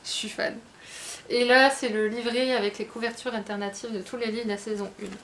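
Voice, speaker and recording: A woman's voice: a little high, steady tone, brisk, background noise. A woman chatting casually, rambling with many fillers and restarts. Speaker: book vlogger. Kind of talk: casual chat.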